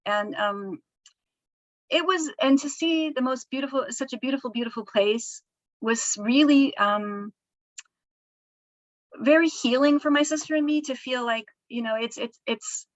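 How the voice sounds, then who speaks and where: Woman author, higher voice, halting storyteller, dull dry lo-fi sound. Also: no echo. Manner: soft-spoken, halting with frequent fillers. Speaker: author discussing her book. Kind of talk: casual storytelling interview.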